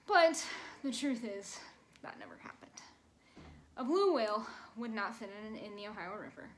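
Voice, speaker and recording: A young woman in her twenties gives a children's sermon from a small bedroom, speaking gently and playfully as if to kids. Her voice sits a little high, and a faint hum of room noise runs under the phone recording. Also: big pitch swings, moderate pace, low-quality recording.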